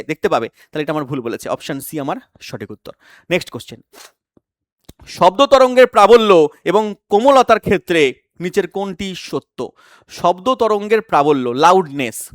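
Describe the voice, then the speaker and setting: A high-pitched man coaching students through exam science questions. He asks a question, then answers it himself, and keeps repeating the key terms. The recording is dry and close, with no room sound. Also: no room sound. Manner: explains by asking questions and answering them himself. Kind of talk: exam-prep science lesson.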